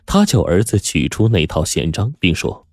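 A man's voice: sits low, big pitch swings, moderate pace, a little mellow, dry recording, studio quality, faint music behind. A man narrating a story with dramatic delivery, the host of the show. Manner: dramatic, swings into character voices.

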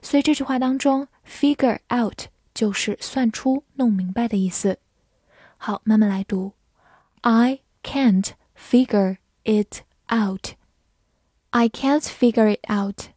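A woman teaching vocabulary, explaining words patiently, spelling them letter by letter and repeating sentences slowly. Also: fairly high pitch, dark tone, husky, no room sound, studio quality. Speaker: English teacher. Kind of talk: vocabulary lesson, spelling and slow read-alouds.

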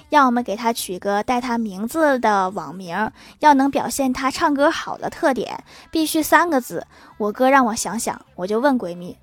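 Playful woman host, slightly high voice. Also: dry recording. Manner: playful, laughs while reading jokes. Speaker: podcast host reading listener messages. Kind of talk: casual comic show reading.

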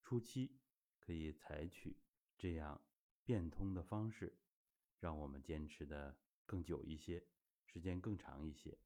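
A man's voice: a bass voice, a little slow, mellow. A middle-aged man teaching a health exercise, explaining steadily and patiently with frequent filler particles. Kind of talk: spoken teaching talk.

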